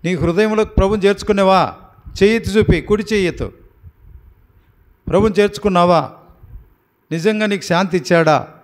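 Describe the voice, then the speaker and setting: High-pitched male pastor from Andhra Pradesh; firm, coaxing questioner at a baptism. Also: a little fast, pauses often. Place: prayer house.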